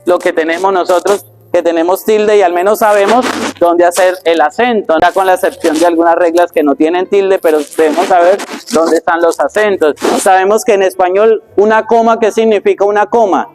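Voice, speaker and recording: A priest, teaching a workshop for church readers and often checking in with rhetorical questions. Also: male voice, high-pitched, steady tone, fairly quick, darkish tone, soft background music. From Colombia. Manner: explanatory, asks the audience rhetorical questions.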